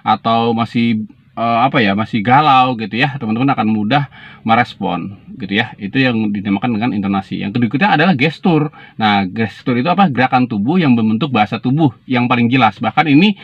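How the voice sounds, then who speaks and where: A man's voice: mid-range voice, no echo. A man giving a casual spoken lesson to camera as a property sales trainer, rambling with many fillers and restarts. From Indonesia. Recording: slightly dull, dry sound.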